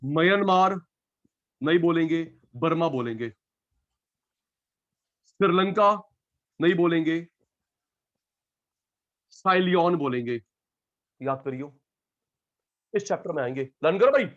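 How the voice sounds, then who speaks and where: A man teaching economics in a live classroom lecture, calling on students by name and swinging between loud calls and quiet asides. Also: on the high side, slow, long pauses, highs cut off.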